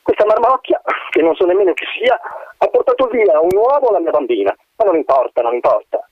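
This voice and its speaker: A man's voice: sits high, big pitch swings, fairly quick, dry recording, pitched above the performer's own voice. A man voicing a tall, haughty mother who speaks in an indignant, dismissive tone. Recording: dull dry recording.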